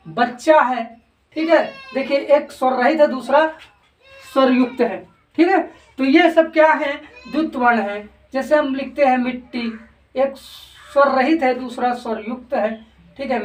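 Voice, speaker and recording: A woman teacher giving a grammar lesson, speaking deliberately and answering her own repeated questions. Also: sits high. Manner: slow, repetitive, keeps asking and answering her own questions. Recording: echoey room, voice from a distance.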